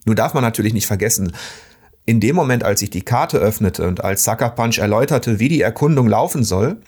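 A man discussing video games in a casual conversation, measured and full of hesitant pauses. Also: fairly low pitch, expressive, a little mellow, slightly rough. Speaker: game critic.

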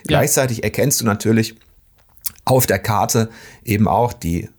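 Low husky male game critic. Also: darkish tone. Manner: measured, frequent hesitations. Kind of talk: casual discussion.

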